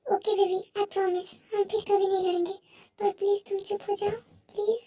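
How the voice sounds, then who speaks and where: A woman plays a protective middle-aged father in a fan-dubbed audio drama, soothing and polite. The voice is very high and mellow, with little pitch movement. The mic sits at a distance. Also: level tone, moderate pace.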